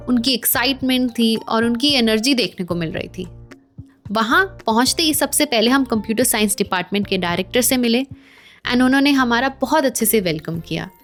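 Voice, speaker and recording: A woman's voice: fairly high pitch, a bit bright. An Indian woman narrating her family vlog in a proud storytelling voice, mixing Hindi and English. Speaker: vlogger.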